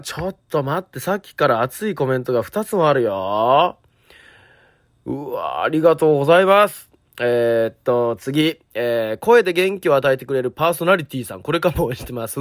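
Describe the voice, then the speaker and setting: A man in his forties with a Kansai accent, a comedian hosting a podcast, reading listener messages in an excitable, gushing way with mock-grumpy retorts. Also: a little high, no echo, studio quality. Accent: Kansai Japanese.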